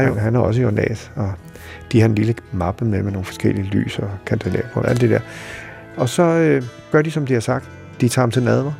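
A middle-aged Danish man telling a personal story in a halting, reflective way, with many fillers. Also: mid-range voice, creaky, a little mellow. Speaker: interviewee recalling a friend.

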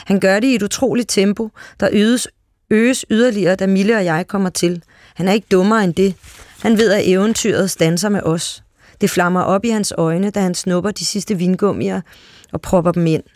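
A calm literary reading of a short story, delivered at a steady, even pace. The voice sits at middling pitch and is recorded close and dry, with no room sound. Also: no room sound. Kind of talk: calm literary read-aloud.

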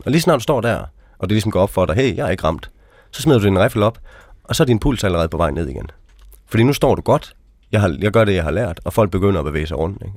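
Deep-voiced man telling war stories. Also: darkish tone, no room sound. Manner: frank, conversational, tags sentences with questioning asides. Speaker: interview guest, army veteran. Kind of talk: casual storytelling.

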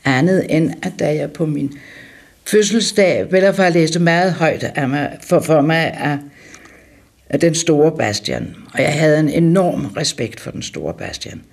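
An older woman reminiscing about her childhood, pausing and correcting herself as she talks. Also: low voice, expressive, gravelly, darkish tone. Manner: halting, correcting herself mid-sentence. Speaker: storyteller recalling childhood. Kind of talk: casual reminiscing.

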